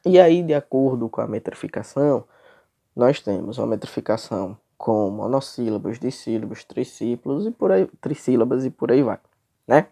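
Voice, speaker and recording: A man with a Brazilian accent teaching a high school class, explaining step by step and often checking in with his students. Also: animated, moderate pace, creaky, dark tone. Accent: Brazilian Portuguese. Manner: explanatory, checks in with frequent tags. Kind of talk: classroom lecture.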